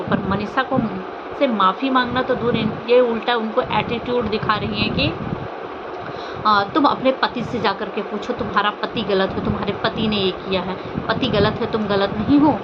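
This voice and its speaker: Over very loud traffic and ambient noise in a muffled, lo-fi recording, a social media vlogger comments on online drama surrounding a personal scandal. Her mid-pitched voice sounds indignant and scolding as she speaks unscripted, frequently posing rhetorical questions.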